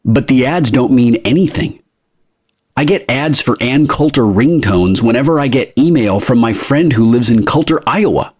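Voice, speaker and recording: A man's voice: mid-range voice, expressive, normal speed, a little mellow, husky, no echo, studio quality, pitched above the performer's own voice. A man voicing a harried male traveler who protests in a flustered way.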